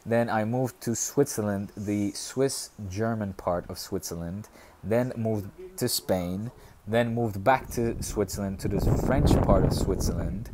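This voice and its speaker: A man from the Netherlands hosting a casual football live stream, reading viewer comments aloud and rambling with bursts of excitement. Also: on the low side, slight background noise.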